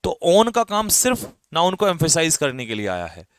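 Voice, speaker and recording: A young male English teacher speaks with a fairly high voice that swoops wildly in pitch, with no room sound in the recording. During his classroom grammar lecture he explains in Hindi, answers the questions he asks, and reads English examples slowly with emphasis.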